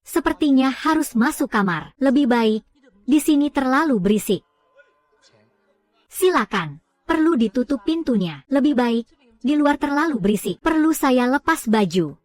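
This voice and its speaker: A woman reading out a film's dialogue for a recap, giving every character's lines in one steady voice. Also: high-pitched, normal speed. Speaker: film recap narrator.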